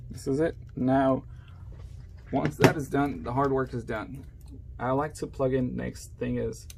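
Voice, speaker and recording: Gravelly male tutor, casual workshop chat, faint background noise. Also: mid-range voice. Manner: chatty, talks to viewers while working with his hands. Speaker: phone repair tutor. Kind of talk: casual step-by-step repair demonstration. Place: at his workplace, a repair shop.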